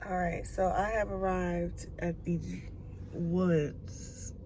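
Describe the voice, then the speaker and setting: A woman's voice: lowish voice, flat delivery, takes it slowly, over loud music. A woman in her twenties chatting casually to the camera on a phone while walking a wooded trail, laughing often. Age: 20s. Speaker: vlogger. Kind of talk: casual vlog chat.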